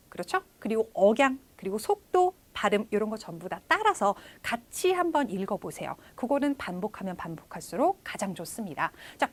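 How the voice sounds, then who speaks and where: Woman in her 30s teaching an online class, bouncy highish voice, keeps talking right to the viewers. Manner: lively, addresses viewers directly, starts phrases with a drawn-out "so". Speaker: English test instructor. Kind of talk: online lecture.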